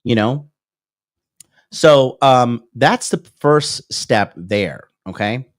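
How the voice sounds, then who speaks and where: Speaking very slowly yet animatedly at medium pitch, this dating coach in his thirties lectures at a whiteboard on a livestream. He reads viewer comments aloud and responds, tacking "okay?" and "right?" onto his points, and the clean studio sound has no room tone.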